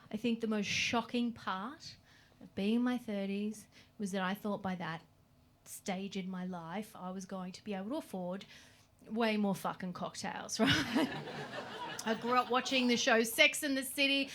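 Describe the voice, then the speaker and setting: An Australian woman in her forties performs a brash, sweary, self-mocking stand-up set on a club stage, her voice fairly high and a bit bright. The live club audio carries audience noise and laughter.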